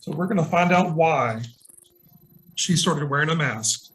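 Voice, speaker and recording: Over a noisy video call full of clicks, a middle-aged male nurse reads a picture book to young children as a guest storyteller and asks them simple questions. His voice is a little high and fairly bright, with lively intonation and a measured pace.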